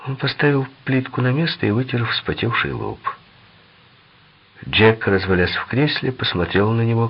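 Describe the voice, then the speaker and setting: A man narrating a crime novel audiobook in an expressive, dramatic reading. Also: medium pitch, husky, highs cut off.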